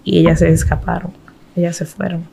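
A woman from the Republic, a guest in an interview, telling her own story in an earnest, halting way and acting out the voices of the people in it. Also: fairly low pitch, level tone, gravelly, dark tone, slightly rough.

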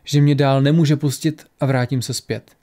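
A man's voice: medium pitch, fairly even intonation, dark tone, natural voice. A man voicing a proud, wealthy woman who sounds bitter and dejected. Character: rich, proud woman, bitter after failure.

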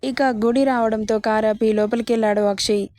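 A woman storyteller reading a serialized romance with a steady, expressive delivery. Her voice sits slightly high with a dark, mellow tone. The recording is close and dry, with no room sound. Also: moderate pace, no echo.

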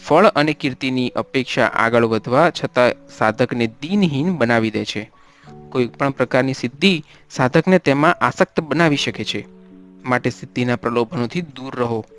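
A serene male ascetic, voiced by a man reading aloud, steady and admonishing in a storybook. His voice sits in a middling pitch. Soft music plays faintly underneath. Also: natural voice. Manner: steady admonishing, then gentle.

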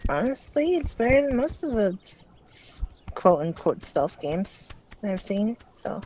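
A woman's voice: medium pitch, very animated, unhurried, warm tone, a little hiss or hum. A woman co-hosting a video game stream, chatting casually and offering hints, often trailing off with a loose "so". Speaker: let's play co-host. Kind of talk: casual gameplay chat.

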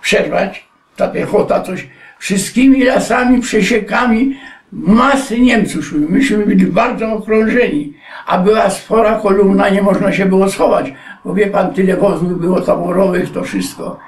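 A man's voice: high voice, normal speed. A man in his nineties, a war veteran, recalling his wartime past in a rambling oral-history interview and often addressing the interviewer as sir. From Poland. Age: 90s. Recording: echoey room, distant mic.

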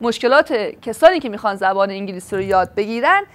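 A woman's voice: medium pitch, expressive. A woman demonstrating a product, explaining each step with frequent filler sounds. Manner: explanatory, walking through steps, many fillers.

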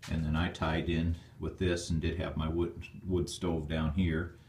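A homeowner gives a casual, rambling tour of his old, dark stone basement, filming indoors on a handheld phone camera in an echoey room with slight background noise. His voice is rumbling and low, flat and measured, a little mellow, and his plainspoken talk is full of fillers.

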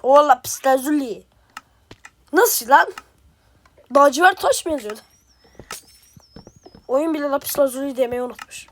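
A woman giving playful, excitable gameplay commentary as a gaming streamer, trash-talking and reacting loudly. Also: high voice, moderate pace, pauses often. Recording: game music behind.

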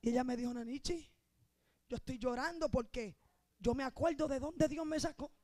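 A woman pastor with a Puerto Rican accent, preaching an impassioned sermon that swings between shouting and soft asides. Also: high voice, normal speed. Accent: Puerto Rican Spanish. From Puerto Rico.

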